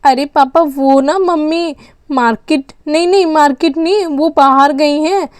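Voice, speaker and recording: A woman voicing a softhearted young girl who bosses her little brother in a doll story, talking in a pleading way. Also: sits high, measured pace, dry recording, clean studio sound. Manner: pleading, bossy big-sister talk. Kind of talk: doll story role-play.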